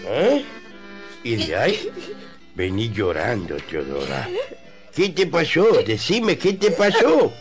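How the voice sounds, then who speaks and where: A man's voice: medium pitch, huge pitch swings, takes it slowly, faint music behind, heavily acted. A man playing a stingy, grumbling old rancher in a radio comedy sketch, drawling and exasperated. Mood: anxious.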